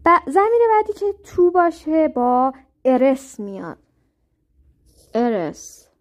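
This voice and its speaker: A woman giving a step-by-step language lesson, saying new words slowly and carefully. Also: sits high, sing-song. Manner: slow, careful spelling-out of words. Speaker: language teacher. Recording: muffled lo-fi audio.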